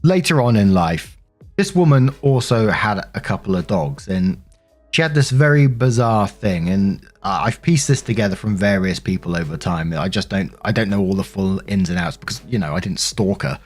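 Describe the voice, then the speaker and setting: Over soft background music, a British man with a low voice and lively intonation narrates stories at a normal speed. As host of the compilation, he keeps things casual, chatty, rambling and sweary, with his own commentary throughout.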